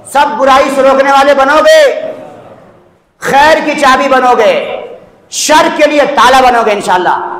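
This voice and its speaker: Man, preacher, fervent sermon, very high voice, echoing mosque hall. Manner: impassioned, exhorting, rising to shouts. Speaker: Islamic preacher.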